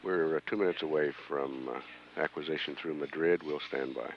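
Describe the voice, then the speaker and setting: A muffled, humming feed carries a man with an extremely deep voice. He gives mission control commentary haltingly, pausing often between phrases. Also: steady tone. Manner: halting, frequent long hesitations. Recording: dull mission audio feed, hum and noise.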